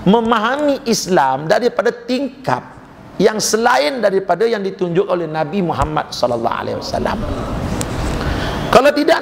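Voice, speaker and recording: Malaysian guy preaching in a mosque hall, gravelly voice, lots of echo and a bit of background noise. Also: sits high. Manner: animated, jokey storytelling lecturer. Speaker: religious preacher. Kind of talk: sermon with rhetorical questions to the audience.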